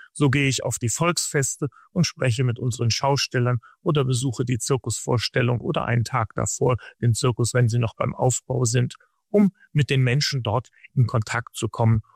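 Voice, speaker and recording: Man, gravelly timbre, measured long answers, dry close mic, radio interview. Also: medium pitch, dry recording. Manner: measured, explanatory, long sentences.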